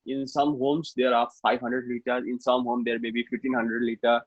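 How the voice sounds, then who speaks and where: In dull, lo-fi online class audio with no room sound, a math teacher with a Nepali accent explains a lesson informally while switching between languages. His mid-range voice has a breathy edge and barely moves in pitch, and he keeps a moderate pace, repeating points and tagging on quick checks.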